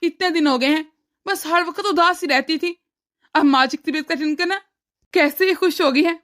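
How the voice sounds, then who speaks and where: A woman voicing a caring, agreeable young husband in a cartoon story, speaking in a gentle, reassuring way. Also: extremely high pitch, normal speed. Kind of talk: cartoon voice acting.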